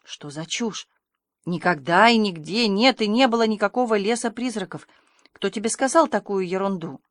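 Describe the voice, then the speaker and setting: A woman's voice: medium pitch, moderate pace, no room sound, close to an everyday voice. A woman reading the part of a stern older spinster guardian who talks in a curt, ironic, scolding way.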